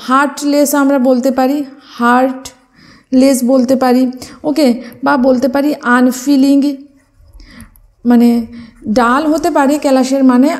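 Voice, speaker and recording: Woman, high pitched, mellow tone, vocabulary lesson, spells words letter by letter. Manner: asks and answers her own questions; frequent fillers, mixes English words into speech. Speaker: vocabulary teacher. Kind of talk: exam prep lesson.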